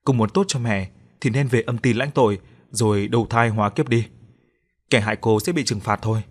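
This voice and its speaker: A man voicing a wise exorcist master in a ghost story, speaking in a measured, authoritative way. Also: medium pitch, slightly rough, lightly acted. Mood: solemn.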